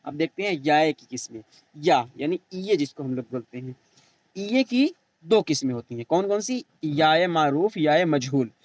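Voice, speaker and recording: High-voiced man teaching grammar. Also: lively intonation, moderate pace, a little mellow. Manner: repeats examples, asks and answers own questions. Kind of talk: recorded grammar lesson.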